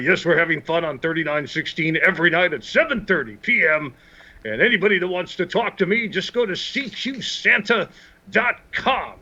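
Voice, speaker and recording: A hearty, jolly old Santa Claus, as a man plays him over a muffled video call. His bright, sharp voice swoops up and down with booming ho-ho laughs. He teases and jokes playfully. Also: heavily acted.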